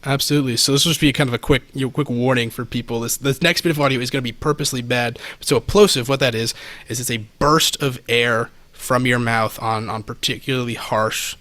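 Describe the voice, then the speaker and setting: A man with a mid-range voice speaks fairly quickly with fairly even intonation and a pushed, bright tone, recorded dry. As an audio expert guesting on a podcast, he explains things casually and practically, using examples. He's close to the podcast microphone, which sits slightly off to the side.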